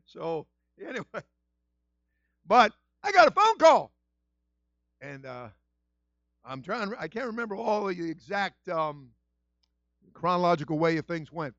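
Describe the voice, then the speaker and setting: A male pastor with a high, lively voice preaches with big swings, murmuring through his stories and then shouting out his praise. The sound is dry and a little dull, with no room around it. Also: no room sound. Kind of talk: sermon.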